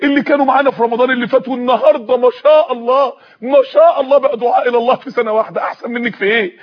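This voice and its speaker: A man's voice: very high-pitched, steady tone, racing. A man with an Egyptian Arabic accent delivering an emotional sermon in story form, pleading and at times close to tears. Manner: impassioned, pleading, voice breaking into tears. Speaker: preacher. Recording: muffled lo-fi recording.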